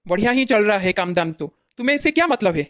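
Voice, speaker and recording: A woman's voice: medium pitch, lively intonation, fast, no echo, clean studio sound, close to an everyday voice. A woman playing an irritated brother who bluntly scolds his mother and sister, in a comedy skit.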